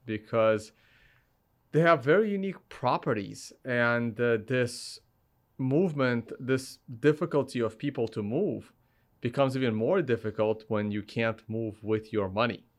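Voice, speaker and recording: A man's voice: mid-range voice, unhurried. A man from Russia speaking as a podcast guest, talking hesitantly with many fillers. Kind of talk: casual interview talk.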